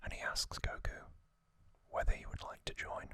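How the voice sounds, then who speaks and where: A man hosts an ASMR narration, whispering a story gently in short, hushed phrases at a moderate pace.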